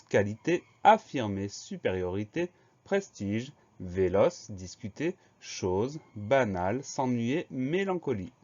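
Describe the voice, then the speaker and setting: A man's voice: mid-range voice, a little mellow, muffled recording. Methodical man teaching spelling. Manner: slow, methodical spelling out letter by letter. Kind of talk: spelling dictation lesson.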